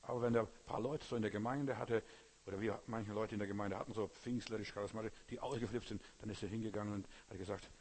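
A man's voice: on the low side, steady tone, fast, darkish tone, breathy edge. A man preacher giving an emphatic sermon, talking straight to his listeners and often asking if they understand. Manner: emphatic, talks straight to listeners with frequent "you know?".

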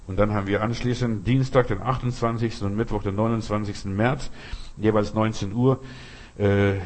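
A male pastor preaching a sermon. He repeats short emphatic phrases, speaks straight to his listeners, and slows right down on key lines. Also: lowish voice, a little mellow.

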